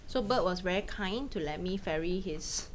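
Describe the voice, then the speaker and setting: A woman from Malaysia, a film director, answering questions in a casual talk with quick anecdotes and frequent laughs. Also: lowish voice, lively intonation, a little hiss or hum. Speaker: film director giving a masterclass.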